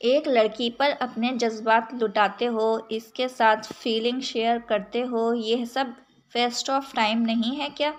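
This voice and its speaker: A calm, principled young man, read by a woman storyteller who speaks earnestly and persuasively. He talks slowly, in a slightly high voice.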